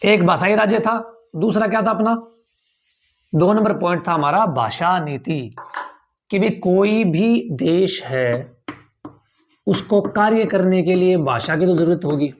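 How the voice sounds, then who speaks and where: In a tenth-grade civics lecture, a man goes over each point repeatedly and tests his listeners with rhetorical questions to see if they keep up. He speaks high-pitched and lively at a measured pace, with a little hiss or hum in the audio.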